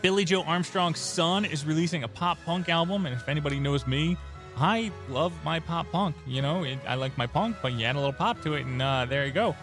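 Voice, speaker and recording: A man's voice: on the high side, brisk, a bit bright, soft background music. A man hosting a podcast, telling rambling, joking stories in a casual chat. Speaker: podcast host.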